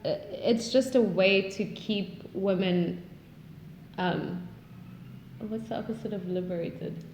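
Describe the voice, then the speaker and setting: A reflective woman in her twenties, not a native English speaker, chats casually as a podcast guest, earnest and searching for words. Her medium-pitched voice is a little mellow and she takes it slowly. The room is echoey, with a little hiss or hum.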